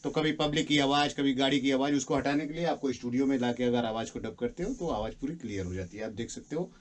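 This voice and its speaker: A man's voice: medium pitch, quick pace. A man running a dubbing studio, explaining the process and coaching an actor with impatient corrections. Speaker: dubbing studio operator and director. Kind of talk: instructional explanation.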